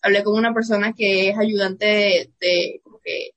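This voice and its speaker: A woman's voice: medium pitch, steady tone, moderate pace, fairly bright tone. A young woman from Venezuela with a Venezuelan accent, a student guest telling a personal story with many fillers. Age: young adult.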